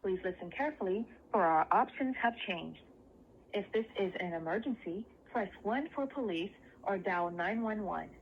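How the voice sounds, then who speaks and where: A woman's recorded phone menu message, announcing options in an even, formal way over a phone line. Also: mid-range voice, normal speed. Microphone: heard through a phone call on speaker. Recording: muffled phone line, distant, faint hiss.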